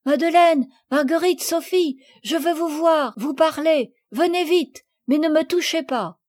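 A woman reading aloud and voicing an eager young girl who has been ill, with bright, pleading calls. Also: high-pitched, moderate pace, lightly acted. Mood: excited.

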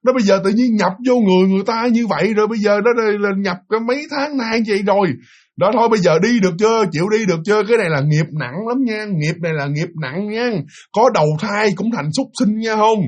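A man's voice: sits high, fast talker, dull audio, pitched above the performer's own voice. A man voicing a stern older male exorcist who scolds and lectures with rhetorical questions. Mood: scolding.

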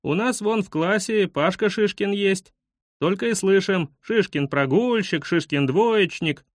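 A man's voice: high-pitched, a little slow, dry recording, studio quality, voice pushed up. A man voicing a cheeky, mischievous schoolboy in a storybook reading.

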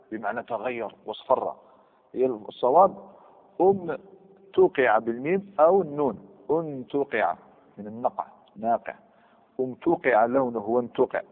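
Man lecturing in a hall. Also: medium pitch. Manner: lively, questions the students and repeats words. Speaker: teacher of Arabic grammar. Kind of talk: classroom lecture. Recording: phone-like sound with long hall reverb.

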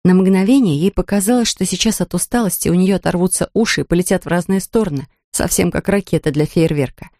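A woman's voice: on the low side, fast, hardly any pauses, dry recording, studio quality. A woman narrating an audiobook expressively, acting out the dialogue. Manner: lively, acts out dialogue.

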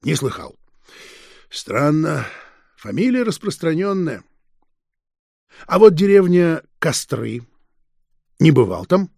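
A man voicing a sly, mocking older police detective chief, who interrogates in a slow, needling, teasing way. His voice is husky and gravelly. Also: fairly high pitch, sing-song, a little mellow, no room sound, clean studio sound, heavily acted. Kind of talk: audiobook character reading.

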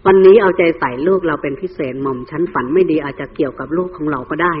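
A man voicing a grieving young royal mother who quietly and slowly pleads with her children and husband. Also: a little high, breathy edge, long reverb tail. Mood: anxious. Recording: tinny phone-like recording.

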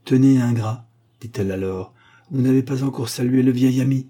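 Brief: man reading a calm young noblewoman, soft and tender, dark husky tone. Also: mid-range voice, normal speed, pitched above the performer's own voice, lightly acted. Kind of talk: audiobook reading.

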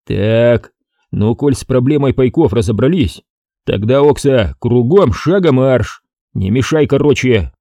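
A man voicing a gruff, impatient middle-aged police chief who talks in slang, in an audiobook. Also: mid-range voice, animated, measured pace, mellow, dry recording.

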